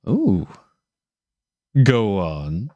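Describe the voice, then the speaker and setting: A man hosting a casual chat on a video call, halting, with many restarts and fillers. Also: fairly low pitch, huge pitch swings, no echo, dull audio. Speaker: host.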